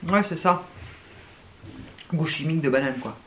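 Une femme qui commente franchement ce qu'elle goûte, en bavardant sur un ton familier, tout en mâchant. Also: female voice, deep voice, measured pace, a little hiss or hum. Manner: frank, chatty comments on tastes. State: chewing while talking. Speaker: vlogger tasting snacks. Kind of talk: casual chat. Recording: echoey room.

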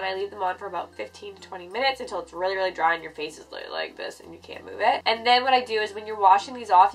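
A woman's voice: mid-range voice, poor audio. Young woman with a congested, stuffy nose. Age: 20s. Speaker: beauty vlogger. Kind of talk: casual skincare vlog talk to camera. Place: furnished bedroom, indoors.

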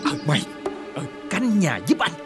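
An actor playing a broke, crude gambling brother in a TV folk-tale drama, with a rough, blustering manner. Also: male voice, high voice, sing-song, normal speed. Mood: gruff. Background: music.

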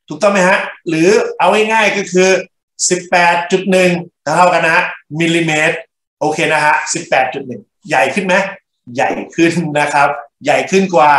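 Man, university lecturer, fairly high voice, short bursts of speech, echoey room. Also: a bit bright. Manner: talks in short bursts, checks in with students often. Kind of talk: classroom lecture working problems. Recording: echoey classroom.

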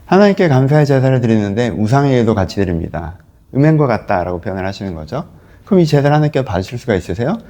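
A man's voice: mid-range voice, fast talker. A male pastor giving a conversational Bible teaching, talking straight to his listeners and acting out quoted voices. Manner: lively, acts out quoted voices, asks listeners questions.

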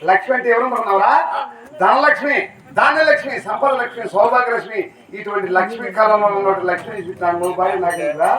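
A man's voice: high voice, quick pace, fairly bright tone. A man playing a god husband who declaims and pleads for his wife's blessing, in a live folk stage drama, heard from a distance. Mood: declaiming. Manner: declaiming, sing-song listing. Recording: distant voice in echoey open stage.

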